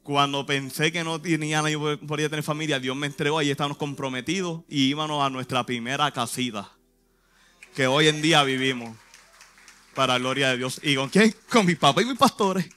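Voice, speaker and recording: A man's voice: a little high, a little fast, pushed and bright, faint music behind. A man, a youth pastor giving an earnest, emotional church testimony in short phrases. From Puerto Rico.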